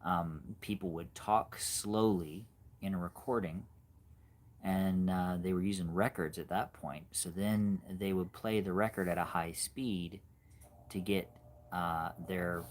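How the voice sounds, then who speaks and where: A man in his forties chatting casually on a livestream, musing in a halting way and trailing off softly at times. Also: deep voice, fairly even intonation. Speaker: animator hosting a livestream.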